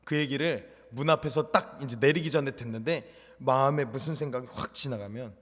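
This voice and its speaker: A man's voice: medium pitch, fairly quick. Young male junior pastor, personal-testimony sermon, big dynamic swings, long church reverb. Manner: storytelling testimony, swinging between loud and hushed. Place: church sanctuary.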